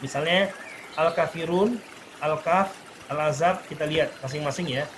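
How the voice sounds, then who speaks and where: A man with a slightly raised pitch teaches Quran recitation in a recorded lesson. He explains a rule, then slowly recites example verses to show it. Water pours and trickles clearly behind him. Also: background noise.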